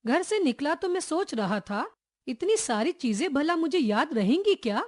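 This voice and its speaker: Lively woman reading a children's story. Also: high voice, moderate pace. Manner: expressive, acts out each character's lines. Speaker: textbook chapter reader. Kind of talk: storytelling read-aloud for children.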